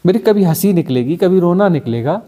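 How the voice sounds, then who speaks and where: A man's voice: high-pitched, expressive, fairly quick, warm tone. A man acting as a spiritual teacher, giving a discourse full of rhetorical questions and mocking impressions of moralizers.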